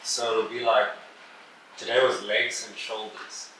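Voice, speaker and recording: Young guy, bright voice, off-mic, heavy room echo, casual gym chatter. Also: fairly low pitch, measured pace, distant mic. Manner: relaxed bro talk, laughing about the gym. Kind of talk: casual chat with a friend. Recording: echoey, off-mic, faint hiss.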